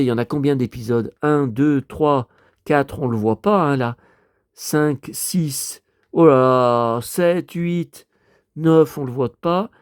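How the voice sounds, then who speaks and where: A man's voice: medium pitch, a little mellow, no echo, studio quality. A man vlogging casually to his viewers, rambling and muttering with mild swearing as he talks from home in front of a TV.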